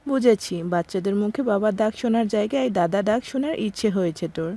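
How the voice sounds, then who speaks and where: A woman's voice: mid-range voice, brisk, dry recording, lightly acted. A woman playing a middle-aged mother who scolds and teases her son in a Bengali audio drama. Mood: teasing. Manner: scolding, mocking, lively.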